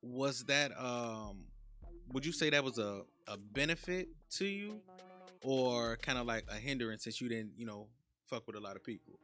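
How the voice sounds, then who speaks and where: A man's voice: animated, moderate pace, faint music behind. Laid-back man in his thirties hosting a podcast. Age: 30s. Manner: laid-back, slangy, trails off softly into low mumbles. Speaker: podcast host. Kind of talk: casual interview chat.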